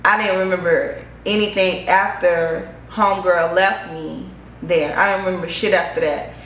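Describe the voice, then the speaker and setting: A young woman telling a personal story in a casual, animated, profane vlog monologue. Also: lowish voice, moderate pace, a little hiss or hum. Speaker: vlogger. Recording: echoey room, faint ambience.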